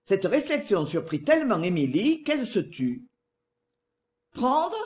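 An audiobook narrator giving a measured, expressive reading of a novel. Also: mid-range voice. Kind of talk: literary narration.

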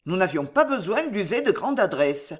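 A storyteller reading a medieval fox fable aloud in a steady, expressive way. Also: mid-range voice, moderate pace.

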